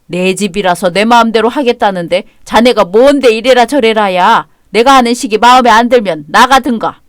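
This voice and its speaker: An actor playing a gruff bossy father-in-law. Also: mid-range voice, normal speed, fairly bright tone, dry recording, clean studio sound, natural voice. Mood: scolding. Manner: gruff, commanding, scolding. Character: blunt domineering father-in-law, older man.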